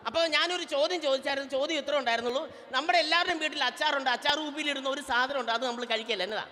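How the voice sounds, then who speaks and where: Racing along in a very high-pitched voice, a man plays a brash middle-aged auntie who bosses and teases the crowd. He works as comedian and emcee in live stage comedy, loudly calling people up and bantering with the audience, heard through the echoing PA of a convention hall stage.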